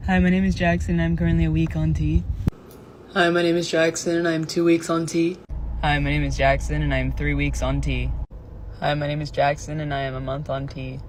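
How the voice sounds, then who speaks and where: Man with a flat, even voice. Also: fairly high pitch, normal speed, slight background noise. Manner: flat, repeated greeting. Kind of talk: repeated voice diary clips.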